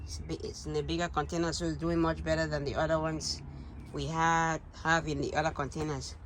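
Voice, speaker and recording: A man hosting a casual gardening update in a greenhouse, speaking in a halting, hesitant way. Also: on the high side, flat delivery, fairly bright tone, slight background noise, rough recording. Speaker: gardening channel host.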